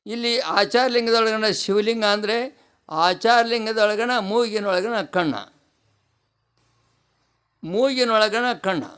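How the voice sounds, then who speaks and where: Man, North Karnataka Kannada accent, devotional preacher, high pitch, smooth resonant voice, rhetorical questions. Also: slow pace, long pauses, fairly bright tone. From North Karnataka, India. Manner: rhetorical questions to the audience, repeats key phrases. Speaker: swami preaching a pravachana. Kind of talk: devotional discourse.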